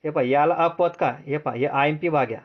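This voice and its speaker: A man with a Marathi accent leads a grammar lesson, asking question after question and answering each one himself, his answers sinking lower and softer. His voice sits a little high, and the recording sounds dull and lo-fi. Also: fairly quick. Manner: repetitive, drills with questions and answers; answers drop low and soft. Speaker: teacher. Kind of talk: grammar lesson for exam students.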